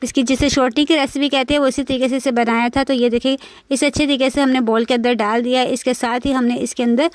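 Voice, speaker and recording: A woman's voice: high-pitched, fairly even intonation, fast. A woman narrating a home cooking video, patiently explaining each step and repeating instructions. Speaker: cooking vlogger. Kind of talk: recipe voice-over narration.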